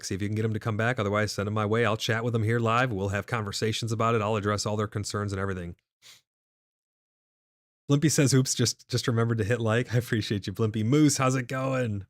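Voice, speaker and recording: His voice sits on the low side and sounds a little stuffy and nasal as he hosts a gaming livestream. In a casual manner, he reads chat aloud and responds to viewers. The sound is a clean, dry studio recording.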